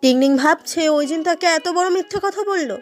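Very high, fast-talking woman narrator. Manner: brisk, even storytelling. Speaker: film recap narrator. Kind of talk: storytelling film recap. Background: faint background music.

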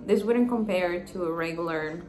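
A woman's voice: on the low side, normal speed, darkish tone, faint music behind. A young woman giving a casual, frank food review while chewing, her mouth full of pizza. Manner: chatty, frank. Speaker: vlogger.

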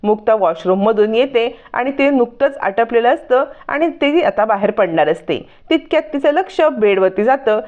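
A woman narrates a TV serial episode in a lively storytelling way, stepping into each character's lines as she goes. Her voice sits a little high, and the sound is narrow and thin like a phone line. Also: moderate pace, few pauses. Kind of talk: storytelling recap with acted quotes.

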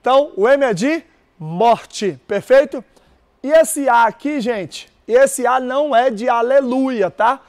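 Male teacher with a very high voice, energetic lecturer who keeps quizzing the room. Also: slow pace. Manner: energetic, repeats key words, quizzes audience. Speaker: exam prep teacher. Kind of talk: live-streamed lecture with call-and-response.

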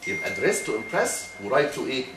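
Speaking very fast in a sing-song, medium-pitched voice, a middle-aged thesis examiner with an Egyptian Arabic accent lectures through his critique of a defense, pressing with rhetorical questions. He sounds far from the mic, in an echoey room with noisy background.

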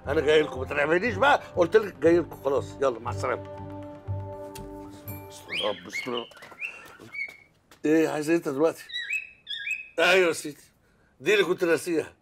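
A middle-aged Egyptian father, chatty and theatrical. His voice is gravelly and swings lively up and down. A music bed plays clearly underneath. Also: fairly high pitch, racing, long pauses. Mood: flustered. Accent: Egyptian Arabic. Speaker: father of four daughters. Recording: TV drama with background score.

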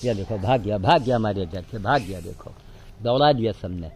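A man's voice: lowish voice, lively intonation, moderate pace, a little mellow, slight background noise. An older man talking outdoors, coaxing animals he is feeding and giving chores to a helper in between. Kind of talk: casual outdoor narration.

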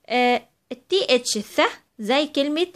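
A woman with an Egyptian Arabic accent teaching an English phonics lesson to children, slowly drawing out each example word. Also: high-pitched, lively intonation. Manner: slow, drawn-out word demonstrations.

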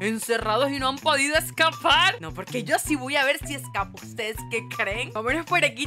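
A woman giving playful, exclamatory gameplay commentary, talking straight to her viewers with giggles. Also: high voice. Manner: exclamatory, giggly, addresses viewers as "mis amores". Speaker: gaming YouTuber.

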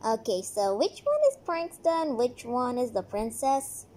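A woman's voice: on the high side, lively intonation, a little slow, mellow. A woman voicing an eager young male rescuer in a toy doll play, upbeat and a bit scatterbrained.

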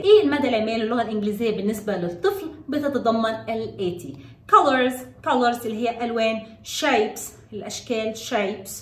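High-voiced Egyptian woman teaching English phrases. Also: a little mellow, echoey room, far from the mic. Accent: Egyptian Arabic. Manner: repeats English phrases slowly, then gives Arabic meanings. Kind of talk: bilingual vocabulary lesson.

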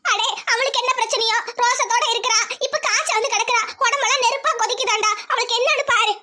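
A woman's voice: extremely high pitch, steady tone, fast talker, sharp tone. A woman voicing a bossy, scolding old village grandmother in a cartoon. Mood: nagging. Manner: scolding, nagging. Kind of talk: cartoon voice acting.

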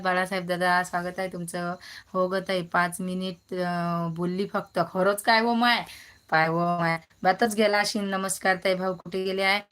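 A woman's voice: mid-range voice, a bit bright, smooth. A woman, hosting a casual phone live stream, chatting and greeting viewers by name as she reads their comments.

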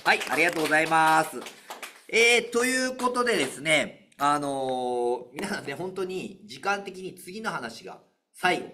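A man's voice: a little high, expressive, normal speed, bright, forceful tone. A man giving a live lecture to an audience, in a playful, joking way and laughing often.

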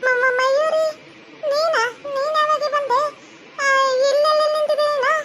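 A woman's voice: very high voice, steady tone, unhurried, fairly bright tone. A woman voicing a sly, bossy young sister-in-law who schemes and threatens, with a North Karnataka Kannada accent. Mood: scheming.

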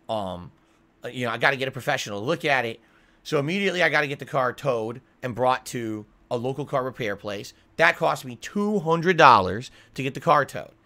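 Talking to his livestream viewers from a small indoor home room lined with acoustic foam, this middle-aged American man explains things in an emphatic, aggrieved way, often tossing in check-in tags. A close desk mic with a pop filter picks up his mid-range, bright, forceful voice.

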